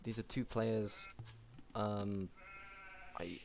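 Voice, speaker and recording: A young man casually commentating a strategy game match, chatty and excitable, with frequent restarts. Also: lowish voice, drawn-out words, creaky, slight background noise. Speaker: game caster.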